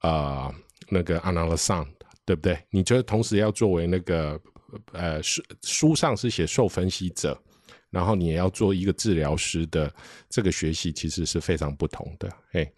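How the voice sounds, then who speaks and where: A man's voice: low-pitched, normal speed, darkish tone, no echo, studio quality. A man, hosting and moderating an online panel talk over a video call, summarizing points and mixing in English terms. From Taiwan. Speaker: podcast host and moderator.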